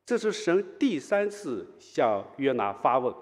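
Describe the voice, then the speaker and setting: A man's voice: medium pitch, sing-song, measured pace. A man preaching a sermon, retelling a scripture story expressively and posing rhetorical questions to the listeners. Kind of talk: sermon teaching. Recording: reverberant hall.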